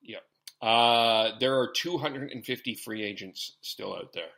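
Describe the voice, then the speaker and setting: A man's voice: medium pitch, unhurried, creaky, bright, forceful tone. A man hosting a casual podcast chat, rambling and thinking aloud in restarts. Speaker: podcast host.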